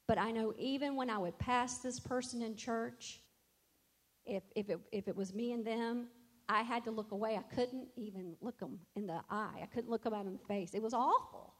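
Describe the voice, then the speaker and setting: A middle-aged woman, a worship leader, telling a personal faith testimony in an earnest, reflective way and quoting scripture. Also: fairly high pitch.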